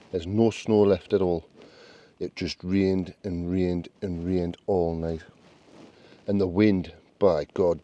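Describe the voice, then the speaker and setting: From inside a small tent outdoors, a man with a Northern English accent chats casually to camera as a solo camping vlogger. He muses aloud in a down-to-earth, understated way, his voice low and dark.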